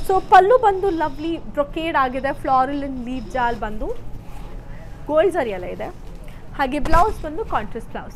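A woman's voice: sits high, a little hiss or hum, low-quality recording. A woman with a South Indian accent hosting a live shopping sales presentation, bubbly and effusive, switching between languages as she talks. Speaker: live saree sales host.

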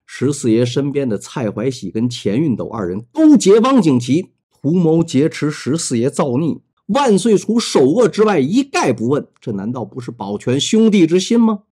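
A man's voice: on the high side, sing-song, normal speed, hardly any pauses, dark tone, slightly rough. A man voicing an indignant older scholar-official who argues back point by point. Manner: retorting, argumentative.

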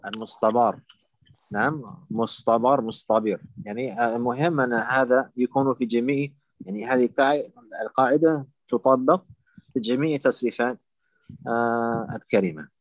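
A patient male teacher walks his students through Arabic word forms, repeating each one slowly and checking that they follow. His voice sits at an ordinary middle pitch. The sound is dry and close, with no room echo. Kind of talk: live online lesson with students.

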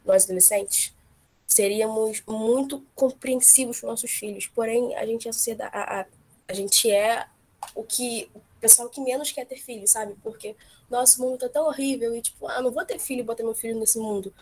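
A young woman with a cold telling a casual personal story, blunt and lively, with many fillers. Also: a little high, moderate pace. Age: young adult. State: has a cold. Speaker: workshop participant.

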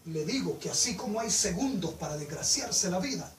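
A man's voice: high voice, expressive, brisk, slight background noise. Male preacher, fervent sermon, voice distant in an echoey church room. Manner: fervent, rising to loud emphatic peaks.

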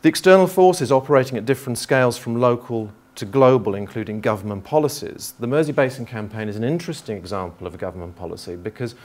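A man's voice: mid-range voice, fast, few pauses, a little mellow. A middle-aged man from Liverpool giving a conference talk to geography teachers in a lecture theatre, thinking aloud with frequent restarts. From Liverpool, England.

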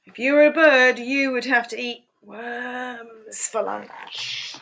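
A fairly bright voice on the high side, slow and with vocal fry, belongs to a woman in her sixties reading a picture book to young children. She uses a sing-song storytelling style and questions them along the way. It's captured on a desk webcam in a small room at home.

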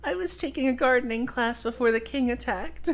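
A woman's voice: fairly high pitch, fairly quick, heavy background noise, voice pushed up, close to an everyday voice. A woman voicing an earnest, anxious, sweet young woman in a video game, politely eager and bashful.

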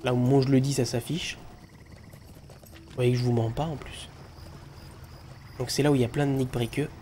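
A man's voice: mid-range voice, fairly even intonation, moderate pace, warm tone, slight background noise. A man hosting a game video, chatting, joking and thinking aloud as he plays. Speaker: let's play host. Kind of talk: casual gameplay commentary.

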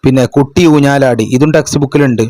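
A man explains exam answers to young students in a patient, step-by-step way, often asking a question and answering it himself. His voice sits in an ordinary middle pitch. The sound is dry and close, with little room echo. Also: steady tone, fast, warm tone. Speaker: madrasa teacher.

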